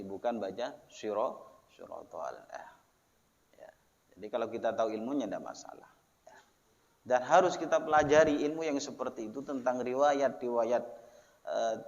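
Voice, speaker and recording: A man with a Javanese accent giving a religious study lecture in a prayer hall. He reads the text with word-by-word glosses, then explains it, tagging nearly every phrase with "ya". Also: mid-range voice. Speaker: religious teacher. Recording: lo-fi with long hall reverb.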